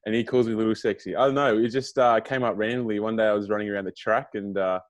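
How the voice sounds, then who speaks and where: A man's voice: fairly low pitch, fairly even intonation, quick pace, no echo. A young Australian man, a footballer guest, chatting in a laid-back way and laughing easily. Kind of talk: casual podcast chat.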